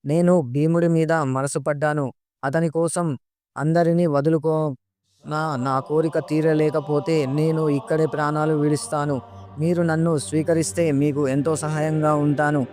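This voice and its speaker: A man's voice: on the high side, flat delivery, a little slow, a little mellow, close to an everyday voice. A man voicing a young female demon who pleads earnestly to be taken as a wife, in a storybook reading. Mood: pleading.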